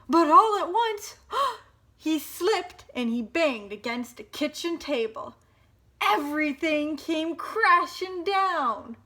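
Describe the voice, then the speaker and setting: Hosting storytime for young listeners, a woman reads a children's picture book in a high, bright voice. She goes slowly and expressively, pausing for dramatic effect.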